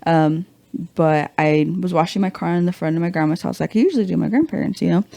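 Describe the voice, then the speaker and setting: A woman's voice: on the low side, fast talker, vocal fry, mellow, dry recording. A woman in her twenties, a podcast guest, telling a story in loose, profane chat full of "like" and "you know". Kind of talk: casual storytelling.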